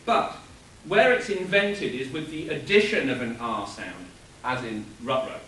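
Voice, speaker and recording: A man giving an animated, explanatory panel talk at a convention, chuckling now and then. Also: mid-range voice, measured pace, a little hiss or hum. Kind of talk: lecture-style panel talk. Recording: echoey room from a distance.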